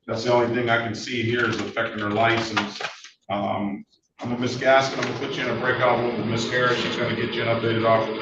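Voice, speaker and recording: A man speaking as a judge in a procedural courtroom recording of a remote hearing, informal but deliberate with numbers. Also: mid-range voice, level tone. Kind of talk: procedural courtroom talk on a video call. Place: remote court session on a video meeting. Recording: echoey, muffled, noisy distant-mic courtroom recording.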